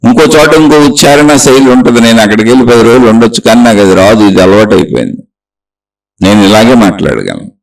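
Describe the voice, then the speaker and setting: A man giving a slow, reflective spiritual talk, working through long lists of examples. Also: mid-range voice, lively intonation, creaky, recorded from a distance, low-quality recording. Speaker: spiritual teacher. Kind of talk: spiritual discourse.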